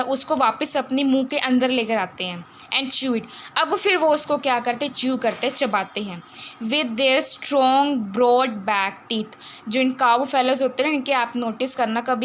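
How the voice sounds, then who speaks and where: A woman with an Indian accent teaching a science lesson, reading English lines slowly and then explaining them in Hindi mixed with English, asking herself questions and repeating words. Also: high-pitched, a bit bright, a little hiss or hum.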